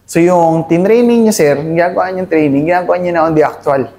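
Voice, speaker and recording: A man's voice: a little high, quick pace, warm tone. A man from Cavite in the Philippines, an army officer, speaking earnestly as an interview guest and adding "sir" to nearly every phrase. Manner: earnest, mixes English into his talk. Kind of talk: candid interview talk.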